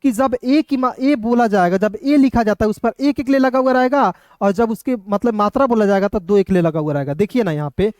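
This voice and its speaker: A man runs a casual classroom lesson in a high voice. He keeps asking his viewers quick questions and answering them himself. The sound is dry and close, with no room around it. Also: darkish tone, dry recording. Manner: repeats rhetorical questions to viewers. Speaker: English teacher.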